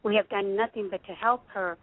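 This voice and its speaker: A woman speaking as a radio guest, earnest and halting, with frequent fillers. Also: mid-range voice, fairly even intonation. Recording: dry, tinny phone-like line.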